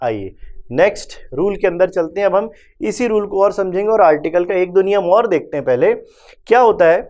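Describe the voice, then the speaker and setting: A man's voice: high voice, animated, brisk, a little mellow. A male teacher gives a grammar lesson, asking questions and answering them himself. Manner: calls students "beta".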